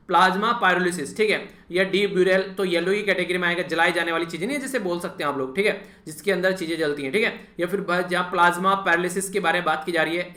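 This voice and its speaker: A man teaches an exam-prep lesson at a brisk pace. His voice sits high and sounds bright and forceful. The room around him echoes. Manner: repeats "thik hai" as a filler, addresses students directly. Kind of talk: casual spoken lecture.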